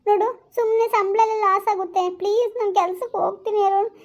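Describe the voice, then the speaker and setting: A woman's voice: very high-pitched, fairly even intonation, fast talker. Woman playing a pleading young pregnant wife. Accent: rural Karnataka Kannada. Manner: pleading, complaining.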